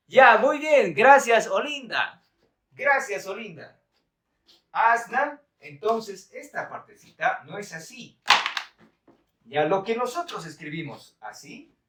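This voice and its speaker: A man's voice: sits high, a bit bright, echoey room, distant mic. A man teaching a live-stream language lesson in a chatty, laughing way, reading viewer comments aloud. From Bolivia. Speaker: Quechua teacher.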